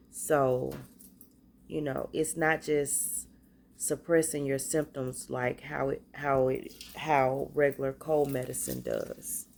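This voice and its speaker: In a halting, unsure manner, a woman with a stuffy cold casually displays the spiritual bath and body products she makes. Her bass voice carries vocal fry and sounds a little mellow, with a little hiss or hum in the recording.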